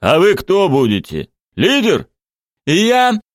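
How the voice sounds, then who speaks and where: A man's voice: sits high, wildly swooping pitch, slow pace, no room sound, clean studio sound, pitched above the performer's own voice, exaggerated voice. A male narrator voicing a vain, pompous stage actor who declaims every line theatrically. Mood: grandiose.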